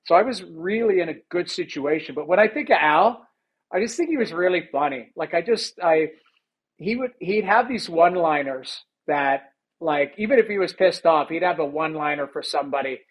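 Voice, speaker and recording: A man, a former hockey goalie, telling stories in a casual interview, animated and rambling with many fillers. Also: on the high side, moderate pace, poor audio.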